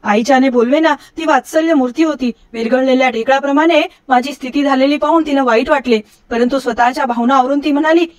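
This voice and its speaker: A middle-aged woman reading a storybook aloud, lifting her pitch for the quoted characters. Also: steady tone. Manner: recites verse slowly and lower. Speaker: storybook reader.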